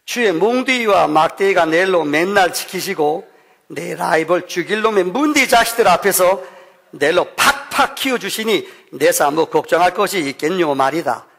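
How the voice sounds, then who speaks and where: A man voicing a blunt, rough-spoken countryman with a Gyeongsang accent, reciting a psalm in a sermon. He speaks in a long church hall reverb. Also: sits high, lively intonation, normal speed, fairly bright tone, exaggerated voice.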